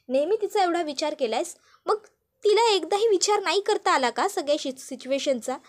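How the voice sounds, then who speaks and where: A woman voicing an agitated young man who talks in an indignant, rushed way. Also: high voice.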